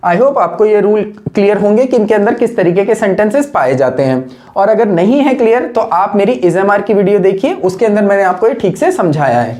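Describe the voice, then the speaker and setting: A woman's voice: medium pitch, very animated, warm tone. Woman patiently explaining grammar rules. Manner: patient, asks and answers her own questions; slows down to stress key phrases. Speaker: English teacher. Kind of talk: classroom grammar lesson.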